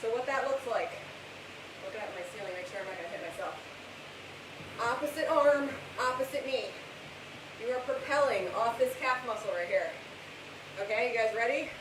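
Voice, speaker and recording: A fitness instructor with a slightly high voice works out alongside a live class, calling out encouragement, cues and countdowns while clearly exerting herself. She speaks at a moderate pace and pauses often. The room is echoey, she's far from the mic, and there's a loud hiss.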